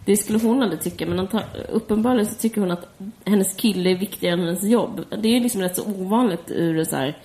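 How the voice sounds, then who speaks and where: A woman's voice: mid-range voice, hardly any pauses, mellow. A woman co-hosting a podcast, thoughtful and a bit hesitant. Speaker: podcast co-host. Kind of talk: casual chat.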